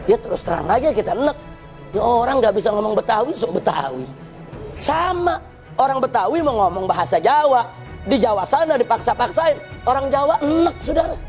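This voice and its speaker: A man from preaching a sermon, impassioned and repeatedly addressing his listeners as brothers. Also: very high voice. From Jakarta, Indonesia.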